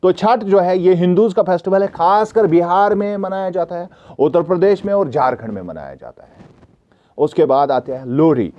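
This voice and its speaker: Guy teaching a class, high voice, keeps asking if it's clear, muffled lo-fi sound. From Kashmir. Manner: checks understanding often, reads English questions slowly. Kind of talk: classroom revision lesson.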